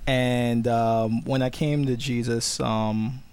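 Gravelly-voiced male panelist, earnest tone. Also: mid-range voice, steady tone, takes it slowly, darkish tone, a little hiss or hum. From Washington, D.C. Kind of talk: prayer and reading, then discussion.

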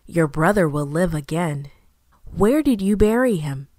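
A woman voicing a calm, kind male teacher, speaking softly and steadily in a slightly lowered voice. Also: takes it slowly, no echo, clean studio sound. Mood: gentle. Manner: soft, lowered, steady delivery.

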